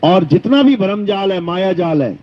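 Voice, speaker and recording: Man, high voice, devotional discourse, chants verses slowly then explains, dull lo-fi sound. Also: animated. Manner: chants verses in a drawn-out sing-song, then explains plainly. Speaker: spiritual teacher. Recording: dull lo-fi recording.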